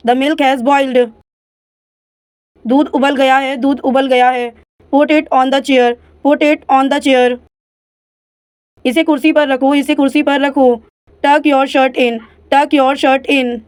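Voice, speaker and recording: A woman, teaching English by reading each sentence twice, slowly in English and quickly in Hindi. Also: high-pitched, darkish tone, no room sound.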